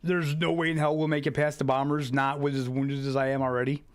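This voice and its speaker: A man's voice: medium pitch, level tone, fairly quick, clear, resonant tone. A young man casually commenting on his own live gameplay, muttering asides as he plays. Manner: laid-back, muttering asides. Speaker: streamer.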